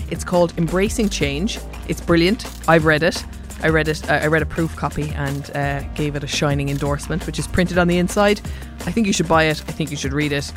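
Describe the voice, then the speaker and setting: A woman hosting a podcast, talking in a chatty, informal way and thinking aloud with small fillers. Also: sits low. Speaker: podcast host. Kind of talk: casual podcast intro and interview.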